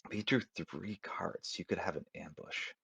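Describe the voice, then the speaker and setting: A man's voice: sits low, moderate pace, vocal fry, fairly bright tone, husky, no echo. A man playing in an online board game tournament, thinking aloud in a hesitant, apologetic way with lots of fillers. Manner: apologetic, self-deprecating, hesitant with many fillers.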